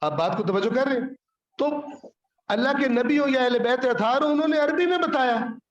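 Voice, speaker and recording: High-pitched male preacher, sarcastic and scolding, recites Arabic lines, roomy slightly muffled sound. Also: animated, moderate pace. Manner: scolding, rhetorical questions, quotes Arabic. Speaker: Islamic scholar preaching. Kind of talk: Urdu sermon on the Quran.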